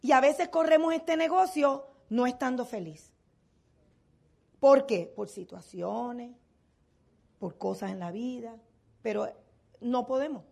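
A woman's voice: on the high side, slow, creaky, long pauses, darkish tone. An older woman giving a motivational seminar talk to a business audience. She asks rhetorical questions and then answers them herself.

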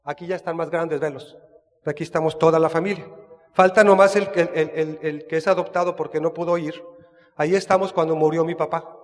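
Mexican man, high voice, chatty storyteller with restarts, long room reverb. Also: steady tone, brisk. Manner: chatty, frequent restarts, asks listener asides. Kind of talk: casual personal storytelling.

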